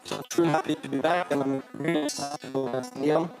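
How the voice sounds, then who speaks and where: A man talks fast and upbeat at a press conference, repeating "really" again and again. Music plays clearly behind him. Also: on the high side, big pitch swings. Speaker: athlete. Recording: music in the background.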